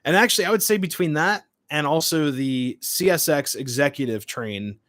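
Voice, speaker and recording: At normal speed and with a slightly bright, high-leaning voice, a man in his late twenties chats casually on a livestream, jumping between brief remarks as he responds to viewer comments. The recording is dry.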